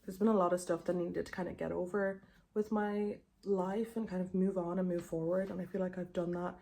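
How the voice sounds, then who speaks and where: A woman in her twenties talks through a makeup tutorial in an informal, rambling way. Her voice is soft-edged and relaxed with plenty of creak, and a tongue piercing clicks in her speech. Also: fairly low pitch, brisk. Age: 20s. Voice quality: tongue piercing clicking faintly against teeth. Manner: informal, rambling, frequent filler "like". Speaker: beauty vlogger. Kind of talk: casual chatty makeup tutorial.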